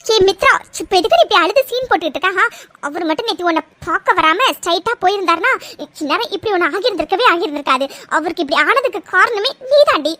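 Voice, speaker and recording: A woman voicing a spiteful, jealous young woman in a cartoon, sharp and accusing. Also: very high voice, lively intonation, quick pace, full character voice. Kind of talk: cartoon voice acting.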